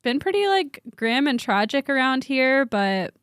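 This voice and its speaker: A woman's voice: high-pitched, very animated, unhurried, a bit bright, smooth, no room sound. Wry young woman co-host, dry close sound. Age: 20s. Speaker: podcast co-host. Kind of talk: casual chat.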